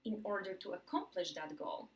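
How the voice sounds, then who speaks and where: A Polish woman gives a motivational talk to camera, emphatic and repeating words for stress while deliberately slowing on the phrases that matter most. Her mid-range voice has lively intonation.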